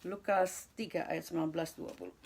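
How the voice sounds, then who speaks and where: A woman reading scripture softly and slowly, often dropping into a breathy whisper, then explaining the passage in a loose, talkative way with many fillers. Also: fairly low pitch, noisy background. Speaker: Bible teacher.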